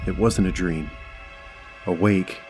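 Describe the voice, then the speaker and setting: A man giving a measured, dramatic scripted horror narration. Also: sits low, fairly even intonation, a little mellow, soft background music.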